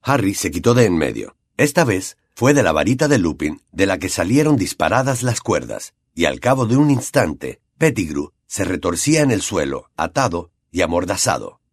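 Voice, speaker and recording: A man with a Latin American Spanish accent giving a dramatic, expressive audiobook reading. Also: sits low, normal speed, hardly any pauses, slightly rough, no echo. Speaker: audiobook narrator. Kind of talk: scripted audiobook narration.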